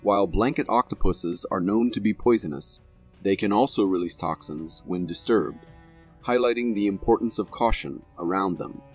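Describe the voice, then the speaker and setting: A man's voice: low-pitched, moderate pace, faint music behind. A man reading scripted narration for a video compilation in a dramatic, formal manner.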